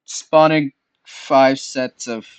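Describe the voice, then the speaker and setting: A man's voice: mid-range voice, steady tone, drawn-out words, clear, resonant tone, no room sound. A man giving casual, rambling commentary over a strategy game. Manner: offhand, rambling with fillers. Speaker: gameplay commentator.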